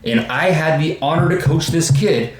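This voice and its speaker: With a slightly high voice at normal speed, this thirty-something youth baseball coach co-hosts a casual podcast, speaking emphatically and animatedly. He acts out quotes and drops in asides quoting himself. Roomy echo and faint background noise are audible.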